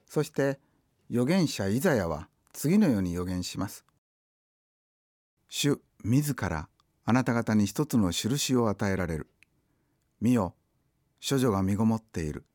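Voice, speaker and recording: A man's voice: medium pitch, darkish tone, no room sound, studio quality. A man with a Kansai accent preaching a sermon as a pastor, moving from formal phrasing into dialect asides.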